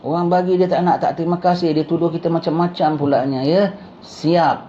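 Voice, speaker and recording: Religious teacher, man from Singapore, mellow voice, slightly high, reads slowly then riffs with rhetorical questions; dull lo-fi tape with faint hiss. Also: fairly even intonation. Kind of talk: religious lecture, reading a book aloud and explaining it.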